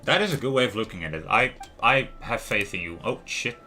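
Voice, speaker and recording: Playing a video game on a livestream, a man keeps up casual commentary, muttering reactions and frequently talking to himself. His fairly low voice is expressive, bright and pushed, and he speaks a little fast.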